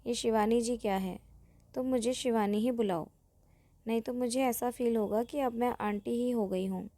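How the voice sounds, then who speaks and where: A woman voicing a playful, quick-tempered woman who teases in a mock-offended way. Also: fairly high pitch, steady tone, mellow, dry recording, close to an everyday voice. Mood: teasing.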